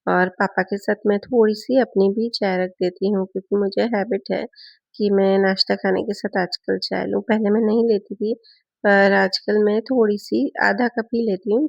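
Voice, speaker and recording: A hoarse woman from Rajasthan, India, talks through her cooking in a chatty home-vlog voice-over. Her voice has a gravelly edge and a mid-range pitch. The recording is dry and a little dull and lo-fi. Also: fairly even intonation, moderate pace, no room sound. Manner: chatty, explains each cooking step. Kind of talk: casual voice-over narration.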